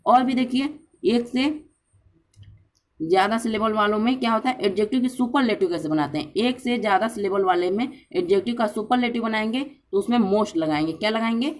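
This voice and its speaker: A woman's voice: fairly high pitch, a little fast. A woman explaining grammar in a patient lesson, often checking in with her listeners and repeating key points. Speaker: grammar teacher.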